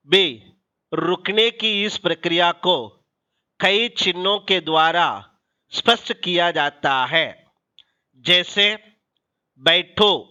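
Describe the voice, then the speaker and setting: A man teaching a grammar lesson to children, explaining slowly and deliberately with pauses. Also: sits high, sharp tone, smooth, muffled recording.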